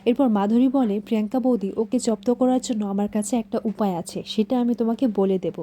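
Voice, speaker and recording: A woman's voice: fairly high pitch, steady tone, a little fast, dark tone. A woman retelling the events of a television serial episode in scripted narration, reading each character's lines in the same plain voice.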